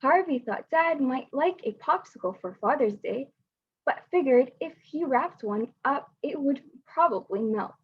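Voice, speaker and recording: Over lo-fi video call audio that sounds dull, a young woman student volunteer reads a kids' picture book in a high, animated voice at a slightly slow pace. She hesitates and uses fillers when chatting.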